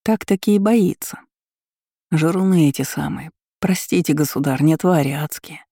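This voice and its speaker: A woman's voice: deep voice, normal speed, warm tone, no echo, studio quality. A woman reading as an earnest young soldier. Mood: fervent. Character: earnest young male soldier, devoted to the queen.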